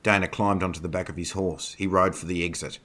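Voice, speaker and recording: A man narrating a werewolf horror story in a steady, scripted reading. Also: deep voice, a little fast.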